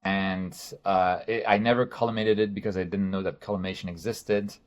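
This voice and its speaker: A man's voice: low voice, fairly even intonation, brisk. A man from France with a French accent, a guest in a casual interview, often repeating words as he thinks.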